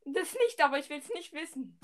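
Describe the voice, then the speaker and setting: A woman's voice: sits high, animated, normal speed, slight background noise. A woman chatting casually on a podcast, giggly and hesitant.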